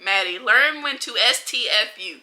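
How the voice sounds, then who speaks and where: A woman's voice: on the high side, lively intonation, normal speed, pushed and bright. A young adult woman chatting bluntly and animatedly in a book vlog, full of slang and asides. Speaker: book vlogger. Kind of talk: casual reading wrap-up chat.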